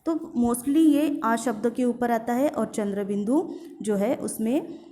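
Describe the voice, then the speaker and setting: A woman teacher giving an online grammar lesson, explaining slowly and repeating her examples, with English words mixed into her Hindi. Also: on the high side, mellow, slight background noise.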